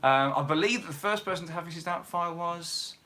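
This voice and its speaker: Casual home livestream host, guy, a bit high-pitched, chatty, reads out comments. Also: fairly quick, pushed and bright, a little hiss or hum.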